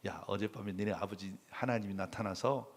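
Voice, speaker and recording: A man's voice: fairly low pitch, fairly quick, long reverb tail, voice pushed down. A man voicing a greedy old uncle, scared off but still grumbling a sulky warning.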